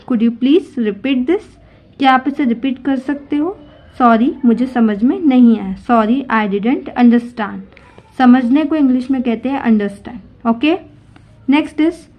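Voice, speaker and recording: A woman teaching spoken English in Hindi, saying each English phrase slowly and clearly. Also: high-pitched, muffled recording.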